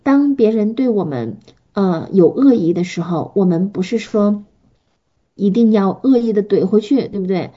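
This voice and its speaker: A woman, a pastor's wife, preaching and answering questions in an earnest, gentle way with frequent fillers. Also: mid-range voice, animated, moderate pace, dull audio. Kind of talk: sermon and Q&A teaching.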